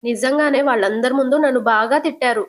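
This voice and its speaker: An outspoken young daughter-in-law presses her point with insistent earnestness, voiced by a woman narrator. Her voice is a touch high. She sounds like a soap heroine retold at home. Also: fast talker.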